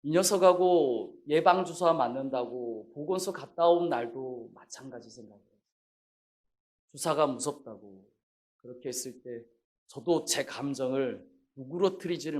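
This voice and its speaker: Impassioned preaching male pastor. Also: mid-range voice. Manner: builds to impassioned shouted questions; acts out quoted people in his stories. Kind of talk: sermon with storytelling.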